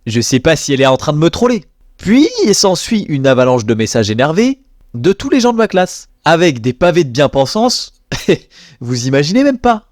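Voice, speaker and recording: A man's voice: a little high, sing-song, normal speed, darkish tone, no echo. Young French man podcasting, dry sound. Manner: conversational, many fillers. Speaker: podcast host. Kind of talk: casual monologue.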